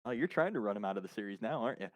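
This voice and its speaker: A man's voice: lowish voice, expressive, very fast, no echo. A man chatting on a racing stream as co-host, teasing his partner in a laid-back, dry way. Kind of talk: casual chat on a racing stream.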